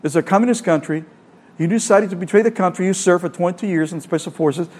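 A middle-aged Salvadoran man, speaking Spanish with a Salvadoran accent, preaches a sermon in earnest, posing rhetorical questions and repeating phrases. His voice is high and a little mellow, and he talks at a quick pace.

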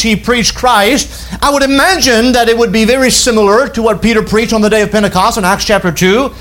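A high-pitched man preaches a sermon in an earnest, deliberate way. He slows down and drops his voice low to stress key words. He talks as a pastor speaking to his congregation. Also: a bit bright.

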